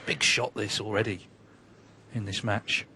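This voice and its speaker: A man giving live snooker match commentary in a measured way, often turning remarks into tag questions. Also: fairly low pitch, steady tone, bright, forceful tone. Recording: background noise and arena ambience.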